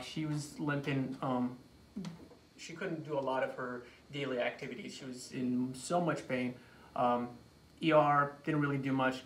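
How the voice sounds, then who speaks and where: In a small office, a phone camera a few feet away records an Iraqi chiropractor in his late 20s as he's introduced and tells a personal story in an informal interview. His voice is medium-pitched and fairly bright, and his delivery is halting, full of repeated words and phrases. The room echoes, the mic sounds distant, and there's faint noise.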